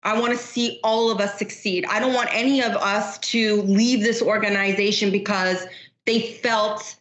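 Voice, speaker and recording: A woman's voice: medium pitch, steady tone, moderate pace, fairly bright tone, roomy sound. A middle-aged woman, a business unit manager, speaking candidly and at length as a podcast guest. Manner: candid, talkative, many fillers like you know. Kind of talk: casual interview chat.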